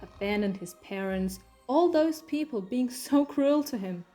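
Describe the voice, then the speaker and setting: A woman's voice: on the high side, animated, measured pace, dark tone, soft background music. A woman playing the Doctor, a playful, clever alien traveller, in a fan audio drama, talking in a wry, coaxing, conversational way.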